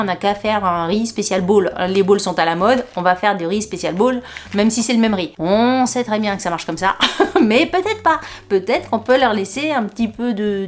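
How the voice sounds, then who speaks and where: A woman vlogger talks her viewers through a food box in a loose, rambling way. She laughs often and her voice leaps upward whenever something catches her eye. Her pitch sits in a middle range at an ordinary pace. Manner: chatty and rambling, laughing often, voice jumping up in surprise. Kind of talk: casual unboxing chat to camera.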